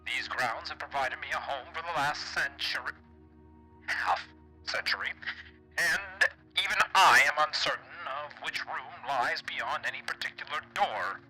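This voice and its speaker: A man voicing a dignified old gentleman, reading his letter in formal, measured tones through an old gramophone-style filter. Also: fairly high pitch, soft background music, poor audio. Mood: solemn. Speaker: streamer reading a game letter.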